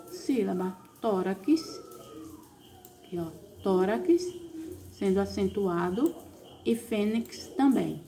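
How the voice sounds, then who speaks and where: Slow, patient Brazilian woman teacher. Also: on the high side, a little mellow, a little hiss or hum. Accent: Brazilian Portuguese. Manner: slow, patient, explaining step by step with "ó" and "então". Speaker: primary school teacher. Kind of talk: recorded remote class lesson.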